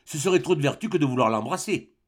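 A man voicing a gentle, shy young peasant girl who talks softly and coaxingly in an audiobook. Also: a little high, animated, fast talker, slightly rough. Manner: soft and coaxing.

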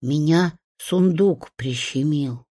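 A woman's voice: low-pitched, slow pace, mellow, dry recording, clean studio sound. A woman doing a gloomy little house spirit. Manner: doleful, gloomy.

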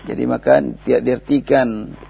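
A man's voice: medium pitch, steady tone, normal speed, gravelly, dark tone. A man with an Indonesian accent teaching Arabic grammar in a recorded lesson, patiently explaining and quizzing his student step by step. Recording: dull lo-fi radio broadcast with faint hiss.

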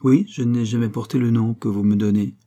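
A man's voice: medium pitch, fairly even intonation, a little fast, mellow, natural voice. A man reading an audiobook, voicing a frightened, poorly dressed young woman who pleads for help. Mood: pleading. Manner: pleading, fearful.

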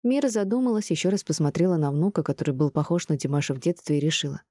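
A woman narrating an audiobook in steady, scripted storytelling. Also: deep voice, fast, no room sound, clean studio sound.

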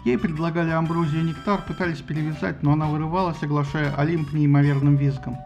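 Gravelly wry male storyteller. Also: on the high side, steady tone, quick pace, darkish tone, lo-fi sound, soft background music. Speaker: narrator. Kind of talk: humorous audiobook narration.

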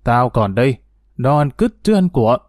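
A man voicing a gruff, blunt middle-aged uncle in a read-aloud story, scolding quickly. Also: medium pitch, very animated, a little mellow, no room sound, clean studio sound, lightly acted.

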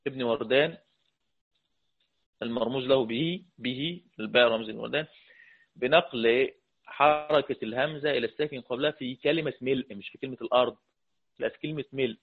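An Egyptian man gives a recitation lesson in a loose, chatty way, stopping to quiz his students. His voice sits in a middle pitch range. The sound is thin and phone-like, as if from an old line. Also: husky. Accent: Egyptian Arabic. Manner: conversational, asks the class questions, chants verses slowly. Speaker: Quran recitation teacher. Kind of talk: explanatory lecture with chanted verse quotes. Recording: tinny phone-like audio.

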